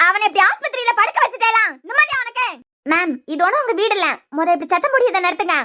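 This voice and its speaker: Lady voicing a nagging cartoon mother-in-law, high and sharp, kanyakumari accent. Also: lively intonation, quick pace, exaggerated voice. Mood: scolding. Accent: Kanyakumari Tamil. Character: harsh middle-aged mother-in-law, accusing and scolding. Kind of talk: cartoon serial voice acting.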